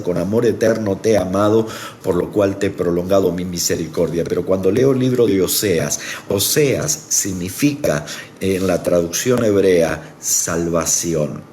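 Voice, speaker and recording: A male pastor with an Argentine Spanish accent, giving an earnest devotional sermon and slowing down to stress key words. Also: lowish voice, a little mellow, a little hiss or hum. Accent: Argentine Rioplatense Spanish.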